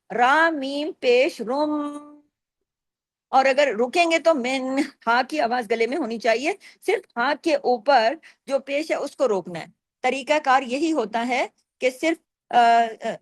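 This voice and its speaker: High-voiced woman teaching tajweed. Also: no room sound. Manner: patient, explains step by step, asks and answers her own questions. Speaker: Quran recitation teacher. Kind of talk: tajweed lesson with recited examples.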